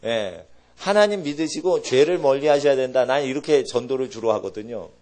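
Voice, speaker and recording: A male pastor preaching a sermon in an animated way, swinging between loud exclamations and quiet asides. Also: medium pitch, brisk. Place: church sanctuary.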